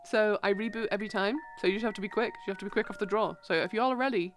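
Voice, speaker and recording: A young woman streaming live, chatting casually and excitably while she plays a trivia game, giggling and swearing often. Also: mid-range voice, racing, a little hiss or hum. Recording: game music playing behind.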